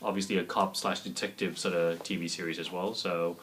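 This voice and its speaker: A man's voice: deep voice, flat delivery, fairly bright tone, a little hiss or hum. A man co-hosting a casual podcast chat, eager and agreeable. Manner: eager, agreeable, quick to say yeah. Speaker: co-host. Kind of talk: casual chat about a TV trailer.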